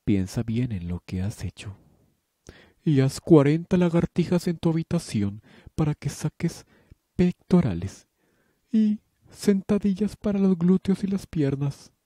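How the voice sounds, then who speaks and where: A man voicing a stern elderly headmistress who scolds in a shrill, shouting falsetto, in an amateur fan dub. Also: breathy edge, no echo, clean studio sound. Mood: scolding. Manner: scolding, shouting high and fast.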